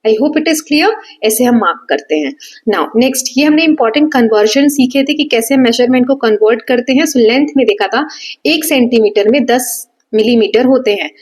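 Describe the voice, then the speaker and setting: A woman's voice: fairly high pitch, lively intonation, normal speed, darkish tone. A woman teaching a maths revision lesson at a board. She explains step by step, mixes Hindi with English terms and often checks that students follow. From India. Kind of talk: exam revision lesson at a whiteboard.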